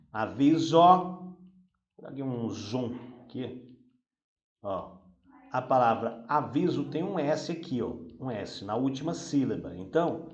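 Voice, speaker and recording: A man teacher, patiently walking pupils through a grammar exercise and often checking they follow. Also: mid-range voice. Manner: patient, repeats "vai dar o quê?" and "né?". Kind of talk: recorded classroom lesson walkthrough. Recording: echoey room with faint noise.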